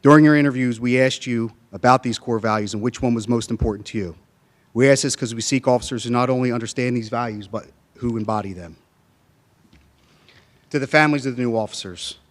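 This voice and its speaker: A police department official at a council meeting, a man giving a measured, solemn prepared address into a podium microphone. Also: mid-range voice.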